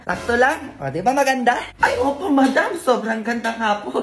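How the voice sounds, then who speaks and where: A woman performing comic family skits, switching quickly between bickering characters. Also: a little high, expressive. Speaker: comedy sketch creator.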